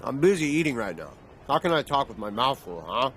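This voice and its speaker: A man's voice: medium pitch, big pitch swings, brisk, a bit bright. An actor dubbing a middle-aged single father who dodges his daughter's questions, in an English dub of a TV drama. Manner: gruff and evasive, brushing off questions. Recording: faint background noise.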